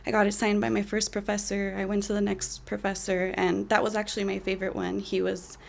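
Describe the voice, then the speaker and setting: A young woman in her twenties telling a personal story in a candid, halting way with many fillers. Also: medium pitch, completely flat delivery, creaky. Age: 20s.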